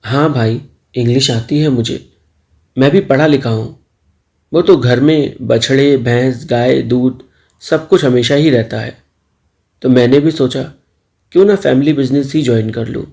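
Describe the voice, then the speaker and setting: A man's voice: mid-range voice, unhurried, a little mellow, close to an everyday voice. A man voicing a cheeky young male milkman in a storybook, speaking in a playful, teasing way. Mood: bashful. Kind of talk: storybook dialogue.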